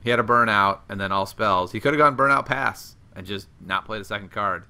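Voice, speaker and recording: A man hosting an online card game show, commenting casually on matches and interviewing the winner, chatty and quick to laugh. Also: lowish voice, gravelly, clean tone. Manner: chatty, laughs often, animated outbursts. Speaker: host and commentator.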